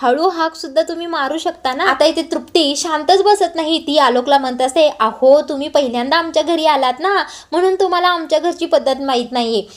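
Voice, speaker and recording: A woman with a high voice retells a TV serial episode at a steady clip. She quotes each character's dialogue in her own plain voice. Small "uh" pauses break up her storytelling. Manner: brisk storyteller with frequent "uh" pauses. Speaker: serial recap narrator.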